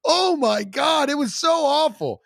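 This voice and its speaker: Animated high-voiced man ranting jokily. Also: a little slow, gravelly, no echo, clean studio sound. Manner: swearing, animated, jokey rants. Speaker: podcast co-host. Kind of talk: casual podcast banter.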